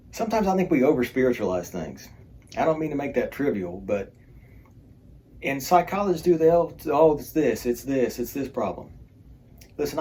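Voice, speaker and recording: Mellow-voiced man teaching Bible study. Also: medium pitch. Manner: conversational, with joking asides.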